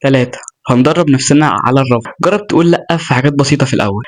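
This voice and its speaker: A man's voice: medium pitch, racing. A young man with an Egyptian accent giving casual motivational talk to camera, earnest and chatty, with joking asides. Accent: Egyptian Arabic. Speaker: self-improvement vlogger.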